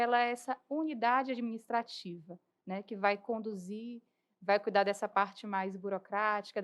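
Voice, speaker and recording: A woman's voice: on the high side, fairly bright tone. A young woman from Bahia with a Bahian accent, a podcast interview guest who explains church matters earnestly and articulately, often adding tag questions. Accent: Bahian Portuguese. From Bahia, Brazil. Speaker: guest, lay church worker and lawyer.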